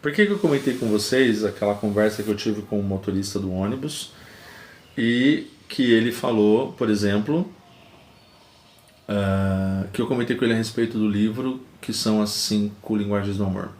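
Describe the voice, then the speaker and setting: A man hosting a live stream, explaining ideas calmly with everyday examples and repeating key points. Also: lowish voice, normal speed. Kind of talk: teaching talk to a live audience. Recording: roomy echo.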